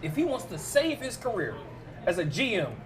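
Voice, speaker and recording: A man's voice: high-pitched, very animated, moderate pace. A man co-hosting a live sports talk show, blunt and emphatic in his opinions. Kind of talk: casual sports debate.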